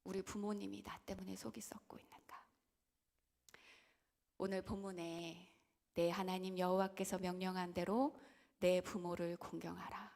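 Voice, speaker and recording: A woman's voice: lowish voice, level tone, moderate pace, creaky, pauses often. Impassioned woman pastor preaching a sermon. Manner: impassioned, swings between loud outbursts and hushed whispers; asks the congregation questions directly. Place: church.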